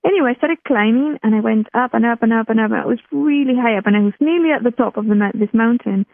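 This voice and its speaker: A woman's voice: fairly high pitch, fast, creaky, no echo. A woman from Chile, a guest telling a personal story in a chatty way, often restarting her sentences. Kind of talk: casual interview storytelling. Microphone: telephone. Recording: tinny phone line, dry.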